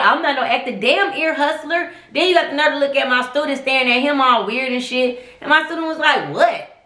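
A woman's voice: a little high, bright, forceful tone. A young adult woman hosting a show, telling a story in a casual, sassy, profane way. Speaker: host. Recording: roomy echo.

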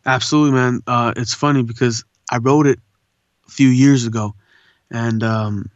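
Born in India and raised in Southern California, this man has an urban SoCal accent and chats earnestly as a voice actor guest in a casual interview, laid-back and saying "man" a lot. His medium-pitched voice moves at normal speed with fairly even intonation, and the lo-fi recording has no echo.

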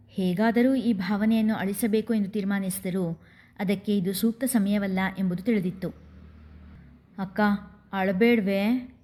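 A woman host narrating a serialized story in a gentle, even manner. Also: medium pitch.

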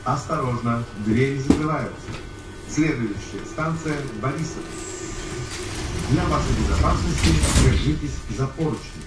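A man making calm, formal metro stop announcements, played over the train's loudspeaker. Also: medium pitch, measured pace. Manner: calm, even, formal delivery. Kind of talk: recorded transit announcement. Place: inside a moving metro car. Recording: distant, echoey, loud train noise.

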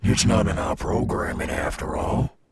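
A man playing a cool, swaggering animatronic alligator rockstar in an ASMR roleplay, gravelly and coaxing, as if talking to a child. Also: a bass voice, lively intonation, very noisy. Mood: coaxing, searching. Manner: slow, coaxing, addressing a child listener. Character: cool, swaggering male animatronic alligator rockstar guarding his golf course.

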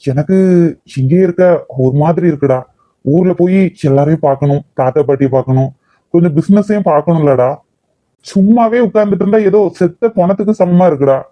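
A man's voice: fairly high pitch, fairly quick, no echo, natural voice. A man voicing a doting older father in a cartoon. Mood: fond. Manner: gentle, affectionate, reassuring. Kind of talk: cartoon voice acting.

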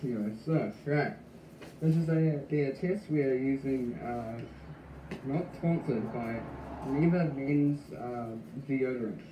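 A man speaking through a gas mask in a casual product test, halting, with joking deadpan asides. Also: medium pitch. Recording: roomy with clear background noise.

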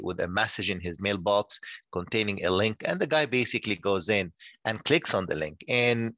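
An older man presents over a video call, his voice very low and close. The room sounds dry, with no echo. He stumbles and repeats small words as he builds each point. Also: a bit bright. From Nigeria. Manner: halting, many repeated words. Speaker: guest speaker. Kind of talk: online conference talk.

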